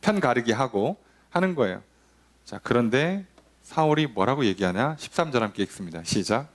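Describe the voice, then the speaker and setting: A medium-pitched, moderately paced male pastor delivers a lively Sunday sermon. He acts out the people he quotes for a moment and leans on rhetorical questions.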